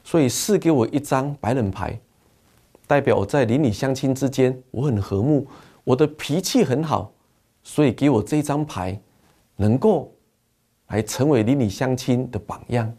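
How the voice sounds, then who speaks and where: A man preaching and voicing a proud, quick-tempered old village man who lectures his visitor indignantly. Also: mid-range voice, lively intonation, mellow, breathy edge.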